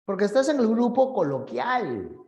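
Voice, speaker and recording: A man's voice: high voice, wildly swooping pitch, normal speed, darkish tone, echoey room, dull audio. A male teacher, giving a conversational class for an admission exam and often checking that students agree. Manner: conversational, asks students for agreement, acts out examples.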